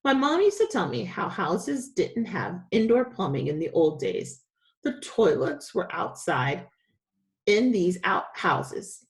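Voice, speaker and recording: A teacher reads a children's story aloud, her voice on the low side and her pace slow, telling it with expressive drama.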